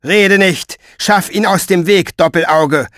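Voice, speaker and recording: A man's voice: high voice, big pitch swings, a little slow, no room sound, studio quality, voice pushed up, heavily acted. A man voicing an impatient, cruel soldier captain in an audiobook, harsh and commanding. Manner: shouting, harsh, pushy.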